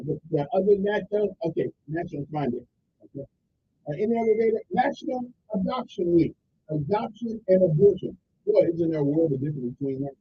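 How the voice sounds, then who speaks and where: A radio talk-show host chats in a folksy, rambling way, listing the day's observances and filling the talk with asides, repeated "okay"s, and "I'm just saying." His voice sits high and is slightly rough, with the highs cut off.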